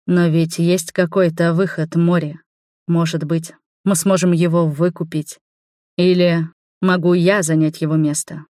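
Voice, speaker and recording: A woman voicing a gentle young man who speaks calmly, softly and slowly. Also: on the low side, dry recording, studio quality, close to an everyday voice. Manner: calm, soft and slow. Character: calm gentle man, shapeshifter lover.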